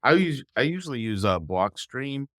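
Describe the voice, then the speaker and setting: A man's voice: medium pitch, very animated, moderate pace, a bit bright, dry recording, clean studio sound. A man hosting a casual podcast, curious and asking lots of questions.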